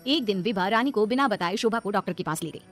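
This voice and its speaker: Woman narrator, fast, matter-of-fact storybook reading. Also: mid-range voice, expressive, soft background music.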